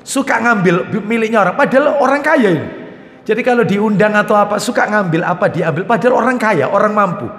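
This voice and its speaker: Animated high-voiced man preaching in echoey hall. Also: a little fast. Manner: animated, acts out parents and children in quoted voices. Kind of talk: religious study lecture. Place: mosque hall.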